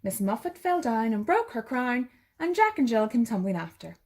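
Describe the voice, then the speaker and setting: A woman narrating a bedtime story for children in a gentle sleep-story manner. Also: a little high, sing-song, moderate pace. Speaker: bedtime story reader for a primary school.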